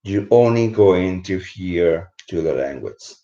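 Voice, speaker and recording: Slow, low-voiced Spanish-accented English teacher. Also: male voice, expressive, mellow. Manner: switches between English and Spanish, keeps asking "¿vale?". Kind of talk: live-streamed book review lesson. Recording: roomy, dull lo-fi stream audio.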